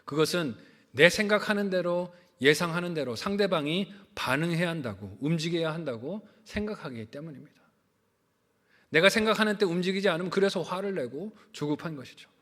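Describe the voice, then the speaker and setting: A man's voice: high-pitched, pushed and bright. A man preaching a sermon as a pastor, asking the congregation questions and answering them himself. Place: church sanctuary. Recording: reverberant church hall.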